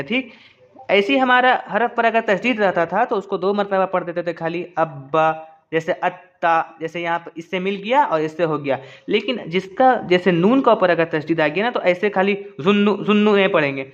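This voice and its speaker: A man teaching Quran reading slowly and patiently, drilling syllables one by one and checking that viewers understood. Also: high-pitched, muffled recording. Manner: asks "understood?" often. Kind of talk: slow step-by-step recitation lesson.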